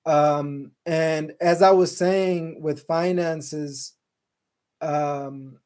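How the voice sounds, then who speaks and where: A man hosts a casual live stream from Salt Lake City, Utah, in a fairly high yet mellow, warm voice. Relaxed and rambling, he fills pauses with ums and uhs, restarts sentences, and slips in Islamic phrases while reading viewer comments aloud.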